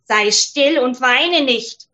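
A woman's voice: sits high, takes it slowly, pushed and bright, exaggerated voice. A woman voicing a male frog who bargains with a princess in a read-aloud fairy tale. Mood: coaxing.

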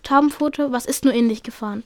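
A woman's voice: a little high, fast talker, no echo, lightly acted. A woman voicing a stern, disapproving adult she-cat in a read-aloud storybook.

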